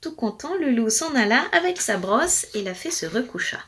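A woman storyteller reading a fairy tale aloud, expressive and playful, with sound effects and hushed asides. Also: a little high, normal speed, slightly rough. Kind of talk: storytelling for children.

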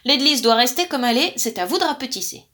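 A woman voicing a kindly male village priest in a storybook tale, calm and matter-of-fact. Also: high voice, quick pace.

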